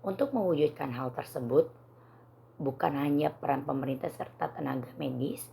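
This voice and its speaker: A young woman with a hoarse voice, giving a formal, careful prepared student presentation. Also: low voice, moderate pace, warm tone. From Indonesia. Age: young adult.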